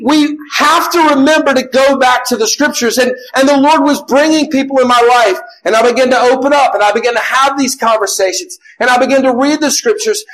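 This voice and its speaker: A man in his forties preaching a sermon and giving his own testimony, impassioned, often rising to a shout and restarting his phrases. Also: very high-pitched, rough recording.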